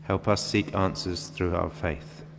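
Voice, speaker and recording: Man, low voice, very level intonation. Solemn prayer reader in a big echoing church. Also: level tone, gravelly. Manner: solemn, measured phrasing. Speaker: reader of intercessions. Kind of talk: liturgical prayer reading. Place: large reverberant church, indoors. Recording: long church reverb, background hum.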